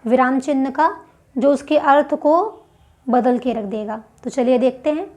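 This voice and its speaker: A woman's voice: high-pitched, a little slow, darkish tone. A woman teaching a grammar lesson for exam prep. She explains step by step and asks questions that she then answers herself.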